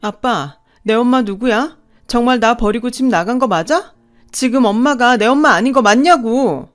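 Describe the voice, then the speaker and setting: A woman's voice: mid-range voice, big pitch swings, measured pace, soft background music. A woman voicing a hurt young girl who pleads and cries out to her mother. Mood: hurt, pleading. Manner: pleading, crying out.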